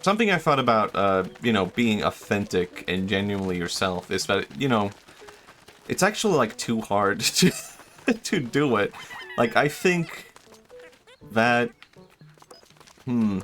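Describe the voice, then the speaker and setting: A young man with a low, very animated, fairly bright voice streams a game over faint background music. He talks at a measured pace with long pauses, thinking aloud in rambling, self-reflective chat full of fillers, trailing off and restarting his sentences.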